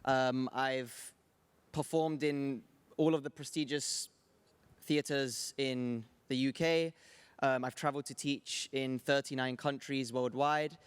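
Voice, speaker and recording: A man's voice: mid-range voice, steady tone, slow, clean tone. A man, a dancer speaking on a panel in a modest, hesitant way. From England. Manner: modest, hesitant, repeats words. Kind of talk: casual panel talk.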